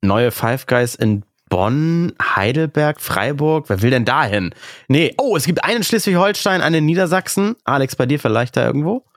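A man's voice: on the high side, sing-song, moderate pace, no room sound, studio quality. A man in his thirties co-hosting a podcast in casual chat, playful and joking as he leads the topics. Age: 30s. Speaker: podcast co-host.

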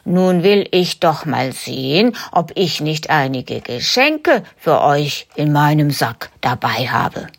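A woman voicing a kindly, slow-spoken old St. Nicholas in a storybook reading. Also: low voice, big pitch swings, vocal fry, voice pushed down, full character voice. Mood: puzzled. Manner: slow and measured.

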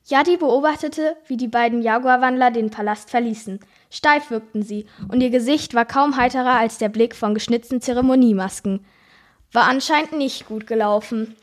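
High-voiced teen girl reading aloud. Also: normal speed. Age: teenager. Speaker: school podcast presenter. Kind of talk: reading a book excerpt aloud.

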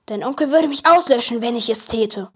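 A woman's voice: on the high side, brisk, very noisy, natural voice. Woman reading as a small furious monster. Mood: angry. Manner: snapping, outraged. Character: small angry fur-covered monster with a saber.

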